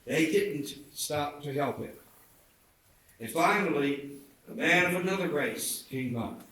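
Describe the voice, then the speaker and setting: Reading a historic speech at a commemorative theatre event, a man delivers it like an orator from the pulpit, his voice on the high side, expressive, sharp and a little slow. The sound comes through a distant mic in a very echoey hall with faint noise.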